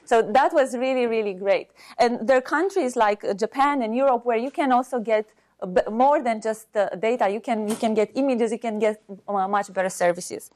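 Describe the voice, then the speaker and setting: A university researcher with a Romanian accent gives an unscripted academic seminar talk, pausing as she hunts for words. Her voice sits fairly high and has a darkish tone.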